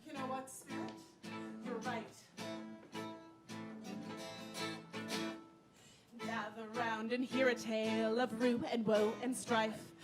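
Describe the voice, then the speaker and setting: A woman's voice: on the high side, level tone, unhurried, music in the background, natural voice. A woman voicing a spirited female Mars rover who tells spooky tales in song in a musical audio drama. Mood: storytelling. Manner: theatrical, sing-song storytelling.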